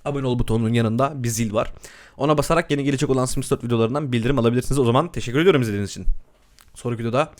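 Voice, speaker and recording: A young man giving loud, excitable commentary while playing a life-simulation game, laughing and exclaiming often. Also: mid-range voice, racing. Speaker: gaming YouTuber. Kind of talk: excited let's-play commentary.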